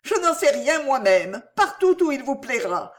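A frightened young woman pleads in a raised, urgent voice that swings through a wide, lively range, as a woman reader puts her on. Her lines sound anxious and breathless with alarm, set in a read-aloud story. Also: high-pitched, a little slow, voice pushed up. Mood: distressed.

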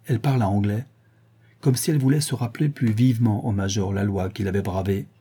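Man, audiobook narrator, literary reading, very dark voice, husky. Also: on the low side, fairly even intonation, fairly quick.

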